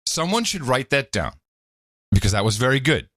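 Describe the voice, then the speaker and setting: A man co-hosts a podcast in casual, sarcastic commentary, often slipping into mocking voices. His pitch swings widely. The sound is dry and close, with no room in it. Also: normal speed, no echo. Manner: animated, sarcastic, jumps into mock voices. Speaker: podcast co-host.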